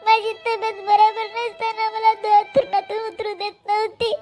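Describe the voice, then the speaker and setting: A woman's voice: very high voice, little pitch movement, normal speed, over music. A woman voicing a tearful young married woman, a new mother, who sobs and pleads, in a cartoon. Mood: sobbing. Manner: sobbing, pleading. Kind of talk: cartoon voice acting.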